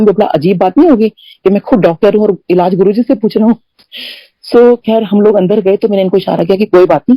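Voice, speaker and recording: Middle-aged woman, mellow tone, dry close sound, chatty testimony full of English asides. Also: mid-range voice, no echo, rough recording. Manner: mixes Hindi with English phrases, many "you know" fillers; storytelling that acts out quoted dialogue. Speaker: devotee sharing personal testimony. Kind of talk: conversational satsang testimony.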